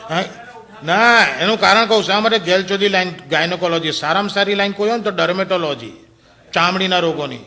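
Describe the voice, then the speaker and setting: A man tells crude jokes, laughing at his own punchlines. His voice sits a touch high and rings very bright and forceful. He slips into the voices of his characters as he goes. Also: a little fast. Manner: crude, chuckling storyteller, acts out characters' quoted lines. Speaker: stand-up comedian. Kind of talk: adult joke telling to a live audience.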